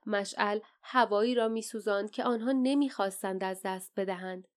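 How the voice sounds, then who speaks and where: A woman narrating an audiobook in a steady, dramatic storytelling manner. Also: medium pitch. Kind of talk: scripted narration.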